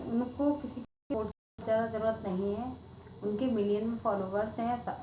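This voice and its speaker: With a fairly high pitch and darkish tone, a video blogger from India delivers informal commentary. She's earnest and emphatic, often circling back on herself, and the recording comes from an echoey room with faint background noise.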